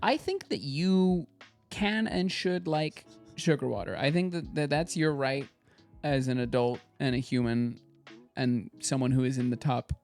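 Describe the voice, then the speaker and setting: A man's voice: medium pitch, lively intonation, unhurried, vocal fry, darkish tone, soft background music. Dry-witted man co-hosting a podcast. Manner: dry, teasing humor. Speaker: podcast co-host. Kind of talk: casual chat.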